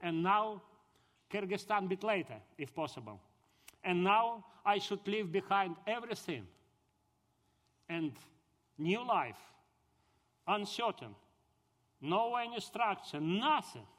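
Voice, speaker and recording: Telling the story of his conversion, a high-voiced Ukrainian man from the south of the country speaks haltingly and earnestly in broken English. His tone is animated and fairly bright, echoing through a big hall with long reverb.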